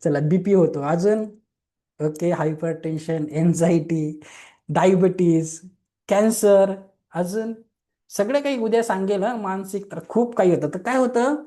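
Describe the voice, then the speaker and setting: A young adult man with a dark-toned voice that sits high speaks a little slowly while teaching a Reiki webinar through an online webinar mic. He explains simply using questions and everyday examples, and he often asks his listeners whether they agree.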